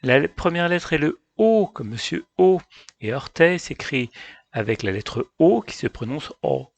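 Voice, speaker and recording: Slow gravelly man teaching phonics. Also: a little high, no echo. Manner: slow, carefully sounds out each letter; addresses parents directly, calm and patient. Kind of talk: phonics lesson for young children.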